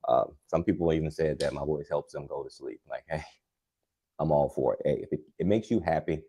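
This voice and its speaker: The host of a gardening channel gives a live demo in an extremely low voice that is dark, mellow and slightly breathy. He talks calmly and unhurriedly in a soothing manner, rambling chattily and using lots of fillers.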